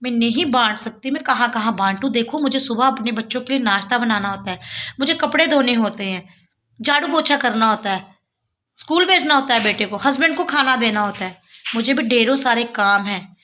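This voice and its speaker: A middle-aged woman from Jammu, India, with a sore throat talks earnestly to her viewers in a casual devotional vlog, pleading and explaining. Her voice is on the high side, fairly quick, pushed and bright.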